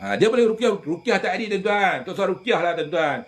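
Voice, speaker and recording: A man, a religious healer telling animated stories in casual chat, often addressing listeners directly. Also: high voice, quick pace.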